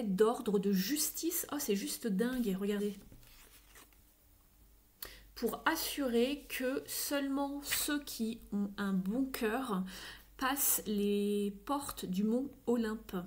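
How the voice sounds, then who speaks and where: A woman giving a casual tarot reading, thinking aloud with frequent fillers and slipping into soft whispery asides. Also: a little high. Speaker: tarot reader.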